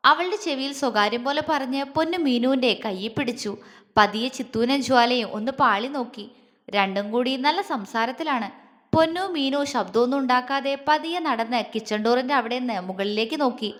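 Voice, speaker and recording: A woman's voice: high voice, moderate pace, fairly bright tone. A woman narrating a family story, voicing each character's lines as she reads. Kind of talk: scripted story narration with voiced dialogue. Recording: long reverb on the voice.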